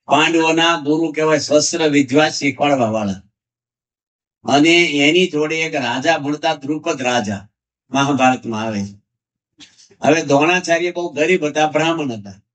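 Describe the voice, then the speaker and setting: Man, swami, somewhat high voice, devotional storytelling sermon, exhorting listeners. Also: moderate pace, a bit bright, rough recording. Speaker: swami giving a religious discourse. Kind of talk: devotional discourse.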